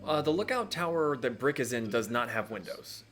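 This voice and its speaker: A man's voice: medium pitch, big pitch swings, normal speed, fairly bright tone, faint music behind. Male game master, mid-range voice, casual tabletop narration.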